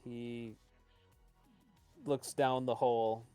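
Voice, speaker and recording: A man's voice: mid-range voice, little pitch movement, extremely slow, mellow, clean tone, no echo, soft background music. A man narrating a tabletop game casually as its game master.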